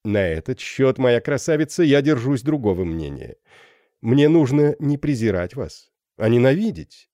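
A vain, gallant young captain, as a male reader puts him on, loud and jovial, patronising in tone. His voice sits higher and brighter than the narration, swinging widely, recorded dry and close. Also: sing-song, normal speed, no room sound, natural voice. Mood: gallant, swaggering.

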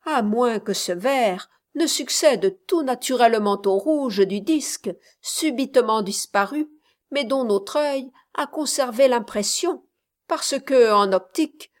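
A woman's voice: on the high side, expressive, slow pace. A woman voicing a pompous, opinionated male scholar who lectures insistently in a storybook reading.

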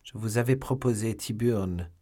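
A stern nobleman who speaks with cold, measured solemnity, as a man reading the book voices him. The voice is low and somewhat husky. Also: mellow.

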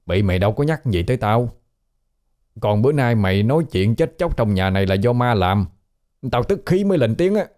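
A man's voice: on the low side, expressive, a little fast, a little mellow, smooth, close to an everyday voice. A man voicing a coarse, teasing male ghost who has haunted a house for a century, talking in blunt slang.

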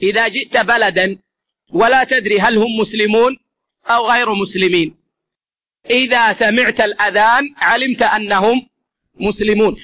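A man's voice: sits high, bright, forceful tone. A man giving an explanatory religious lesson, addressing listeners as brothers and repeating key phrases for emphasis. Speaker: religious teacher.

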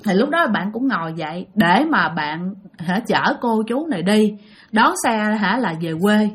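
A woman telling a ghost story in an animated, chatty way, addressing her listeners. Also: medium pitch, unhurried.

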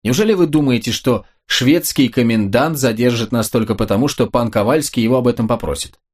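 A man's voice: medium pitch, a little fast, darkish tone, lightly acted. A man voicing a proud nobleman officer in an audiobook, reasoning urgently and reproachfully. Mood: persuasive.

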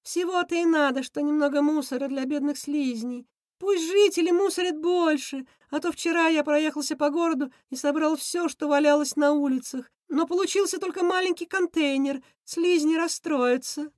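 A woman voicing a nervous, excitable male rat schemer who shrieks, in an audiobook. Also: sits high, normal speed, no room sound, studio quality, voice pushed up, close to an everyday voice. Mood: scheming. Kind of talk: audiobook character voice.

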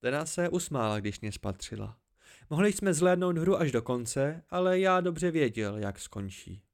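A man narrating an amateur audiobook in a steady first-person storytelling voice. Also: a little high.

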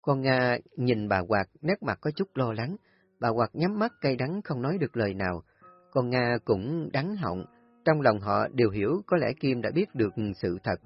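A male storyteller reads a scripted story in a steady, even manner, his voice husky and close to the mic. The recording is dull and lo-fi, with faint music playing underneath. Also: mid-range voice, normal speed, no echo.

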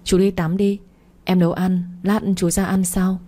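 A woman's voice: lowish voice, little pitch movement, moderate pace, mellow, lightly acted. A woman voicing a shy young wife who speaks timidly and politely.

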